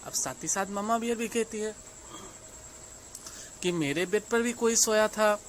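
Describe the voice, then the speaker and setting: An Indian woman teacher reads a children's storybook in English at a slow, deliberate pace, stopping after each line to explain it. Her pitch sits in the middle, and a faint hiss runs under the recording. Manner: reads English lines slowly, then explains in Hindi. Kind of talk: explaining a class storybook lesson.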